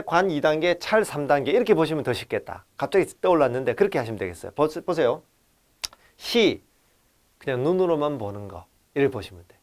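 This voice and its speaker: Man, lecturer, lively swooping delivery, slightly high voice, speaks directly to listeners, mixes formal and casual speech. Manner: animated, addresses audience directly, shifts between polite and casual speech. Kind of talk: recorded classroom lecture.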